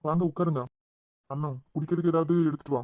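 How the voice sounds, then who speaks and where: A woman's voice: deep voice, steady tone, fast talker, pitched below the performer's own voice, lightly acted. A woman voicing a polite man of the house who welcomes guests, with a Kanyakumari Tamil accent. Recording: dull lo-fi sound.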